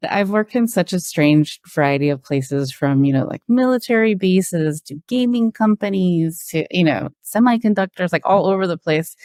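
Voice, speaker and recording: Woman, low voice, dry sound, animated storyteller, mimics quoted voices. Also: moderate pace, few pauses, no echo. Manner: animated, acts out quoted voices, frequent fillers. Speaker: guest. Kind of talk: conversational interview storytelling.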